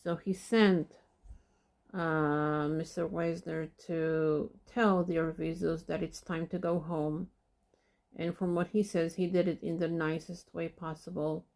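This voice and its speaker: A woman hosts a podcast, talking slowly through a documentary in a casual, hesitant way. Her voice is lowish and gravelly with vocal fry. She drops in the odd dry, sarcastic aside. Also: level tone, darkish tone. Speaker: podcast host.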